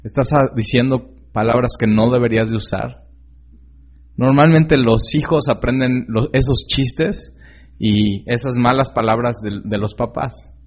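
With a medium pitch, fairly even intonation and a measured pace, a man delivers a sincere, conversational sermon, frequently questioning the listener directly and leaning on fillers and tag questions. The lo-fi recording sounds slightly dull.

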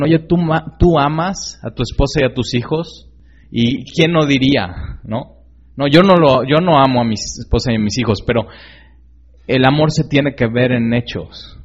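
A man's voice: medium pitch, a little mellow, slightly rough. Earnest man preaching a sermon. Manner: earnest, direct questions to the listener; conversational, with many fillers and tag questions. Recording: slightly dull lo-fi recording.

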